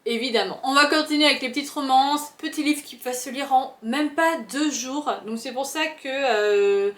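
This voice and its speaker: A woman's voice: sits high, normal speed, echoey room. A chatty young woman, talking casually about books, full of fillers. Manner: chatty, animated, many fillers. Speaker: book vlogger. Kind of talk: casual chat.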